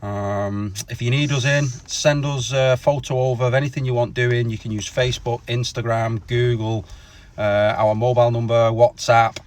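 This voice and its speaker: A man's voice: mid-range voice, steady tone, normal speed. A man, a carpet cleaner chatting plainly as he explains his work in a customer's living room. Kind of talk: casual on-the-job explanation. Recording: noisy on-site video with cleaning machine hiss.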